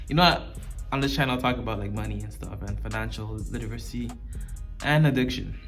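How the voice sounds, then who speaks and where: A man talking casually and off the cuff to his viewers as a channel host, in informal street slang, repeating words for emphasis. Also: lowish voice. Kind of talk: casual off-the-cuff talk to camera.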